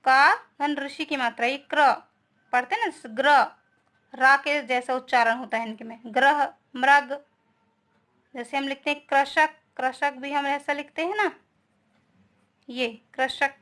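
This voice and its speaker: A woman's voice: high voice, a little slow, long pauses, bright, forceful tone. A young woman teaching a grammar lesson, explaining step by step and often checking with her students.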